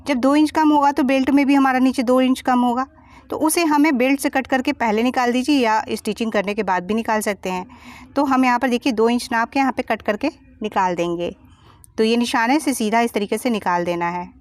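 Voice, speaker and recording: A woman's voice: fairly high pitch, brisk, no room sound. A woman giving a step-by-step sewing tutorial as a voice-over, patiently explaining each measurement and cut. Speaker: sewing teacher.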